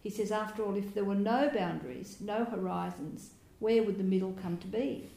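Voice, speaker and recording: A woman giving a Buddhist dharma talk as a meditation teacher, speaking gently and reflectively, with soft laughs and small hesitations. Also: mid-range voice, moderate pace, creaky. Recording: roomy hall with faint background noise.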